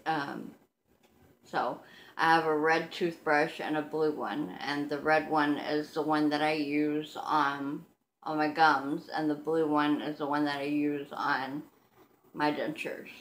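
A woman in her thirties speaking without teeth, with soft slurred articulation, chatting casually and a little self-consciously to her camera. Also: sits low, level tone, slow pace, a little hiss or hum. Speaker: vlogger. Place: living room, seated on a couch indoors. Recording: roomy, echoing home recording.

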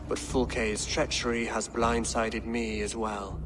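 An actor playing a dignified, guarded Saxon king in a video game, speaking formally in a measured, commanding way. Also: on the low side, little pitch movement, background noise.

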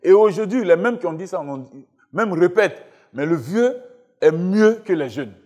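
Male, 35, from Burkina Faso, TV studio guest with a husky, slightly high voice, emphatic and repetitive. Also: lively intonation, normal speed, a little mellow, lo-fi sound. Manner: emphatic, insistent, repeats himself. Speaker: guest footballer. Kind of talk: talk show guest interview. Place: television studio with live audience.

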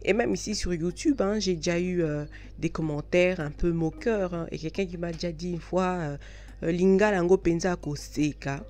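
A woman's voice: fairly low pitch, moderate pace, darkish tone, faint music behind. Frank chatty woman. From Belgium. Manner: frank, chatty, many hesitations. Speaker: vlogger. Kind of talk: casual talk to camera.

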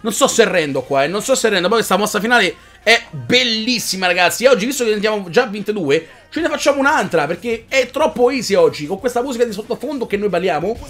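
Male gaming YouTuber, higher than usual pitch, loud animated let's-play commentary. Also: quick pace, hardly any pauses, soft background music. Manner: animated, shouts move names, swears freely.

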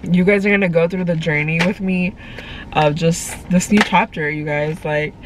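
Sitting in a parked car, a congested young woman chats casually to her phone camera at arm's length, wandering through her thoughts with plenty of fillers. Her voice sits on the low side, steady in tone and moderately paced. The recording is rough, with faint background noise from the car.

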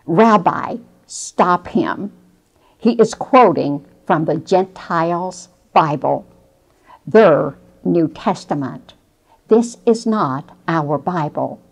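A woman's voice: lowish voice, animated, slow, gravelly, breathy edge, full character voice. A woman voicing a protective old grandfather who speaks out in alarm. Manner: alarmed and pleading.

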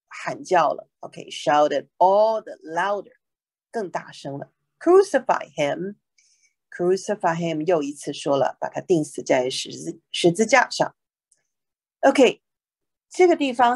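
A woman teaching a Bible lesson in two languages. She reads English verses slowly and then explains them, with frequent "OK" fillers. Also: on the low side, darkish tone, slightly rough, no room sound.

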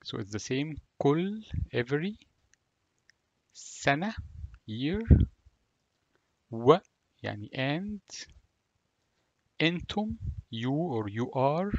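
A man with an Egyptian Arabic accent, a native Arabic speaker, giving a language lesson in a deliberate, word-by-word manner. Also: on the high side, very animated, dry recording, dull audio. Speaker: language teacher. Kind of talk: language lesson, slow explanation with repeated phrases.

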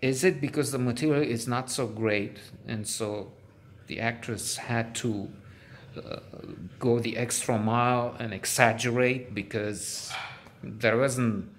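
A man's voice: medium pitch, steady tone, slow. A man giving a casual spoken film review, hesitant, with many fillers and restarts, now and then getting worked up.

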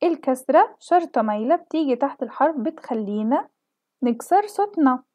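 A young woman with an Egyptian accent, a kindergarten teacher giving a children's alphabet lesson and stretching out each sound slowly for the kids. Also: high-pitched, very animated, darkish tone, dry recording. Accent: Egyptian Arabic. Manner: slow drawn-out model pronunciation for children.

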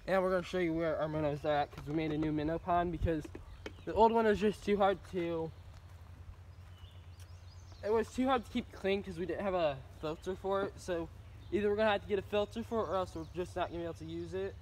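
Guy rambling on while he fishes by a pond, kinda mumbly with seeds in his mouth, voice a bit high, faint outdoor sounds. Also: steady tone, fast, darkish tone, a little hiss or hum. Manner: rambling, chatty. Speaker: fishing vlogger. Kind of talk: casual chat to camera.

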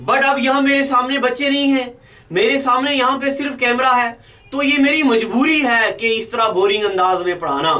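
A male teacher giving a recorded lecture to camera, dictating slowly and repeating points, calling his students "beta". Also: very high-pitched, fairly even intonation, pushed and bright, far from the mic, rough recording. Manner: slow, deliberate dictation with repetition.

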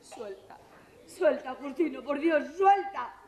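A woman's voice: high voice, expressive, a little mellow, echoey room, full character voice. Luckless jilted woman on stage. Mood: heartbroken pleading. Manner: quick comic asides turning to tearful pleading. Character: luckless jilted woman, comic yet heartbroken. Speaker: lead actress in a stage revue. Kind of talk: stage comedy performance. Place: theater stage before a live audience. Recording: 1980s television theater recording with audience laughter.

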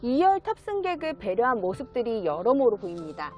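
High-pitched woman pitching a used car. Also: big pitch swings, fairly quick, highs cut off, soft background music. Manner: polished sales pitch, polite and promotional. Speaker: used car dealer presenting a car for sale. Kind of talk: scripted sales narration of a car walkaround.

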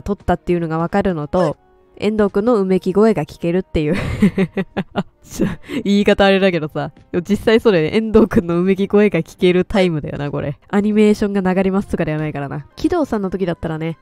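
Loud excitable girl gamer commentating, kinda dark mellow voice, dry close mic. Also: medium pitch, no echo. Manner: excitable, loud, laughs often. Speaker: game streamer. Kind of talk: let's play commentary.

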